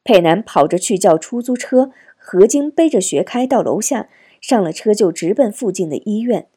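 A woman reads a novel aloud with a husky, mellow voice. Her pitch moves a lot, giving the story an expressive lift. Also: moderate pace. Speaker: audiobook narrator. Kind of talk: novel reading.

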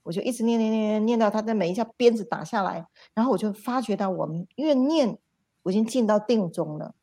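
A woman, a spiritual teacher telling dream stories on a livestream in an animated, repetitive way. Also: medium pitch, fast talker. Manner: animated, repetitive retelling with sound words. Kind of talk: livestream storytelling talk.

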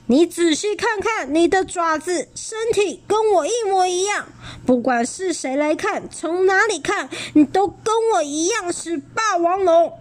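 A woman's voice: very high-pitched, measured pace, voice pushed up. A woman voicing a sly, menacing grown male tyrannosaurus in a storybook reading, with sneering chuckles and an insistent manner.

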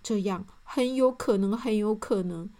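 A woman reading a children's storybook aloud, speaking gently and addressing young listeners directly. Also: mid-range voice, measured pace.

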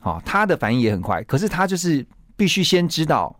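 A man with a Taiwanese Mandarin accent, a guest on a radio interview, telling a story with lively acted-out quotes. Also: fairly high pitch, a little fast, no room sound, clean studio sound. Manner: animated storyteller who acts out quoted lines.

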